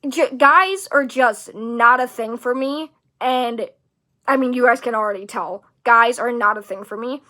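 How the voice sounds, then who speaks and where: A woman's voice: a little high, unhurried, bright, forceful tone. A young woman hosting her own podcast, venting in a rambling, exasperated way, full of fillers. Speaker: podcast host. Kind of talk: casual solo podcast monologue.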